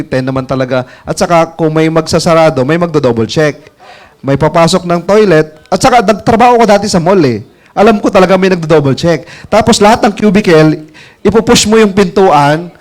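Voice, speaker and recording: Guy w a high voice telling a story to a crowd, laughs a lot, super chatty. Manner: chatty, laughs often, asks listeners "alam mo yung ganun?". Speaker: network marketing mentor telling a story. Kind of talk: casual storytelling talk to an audience. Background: audience laughing.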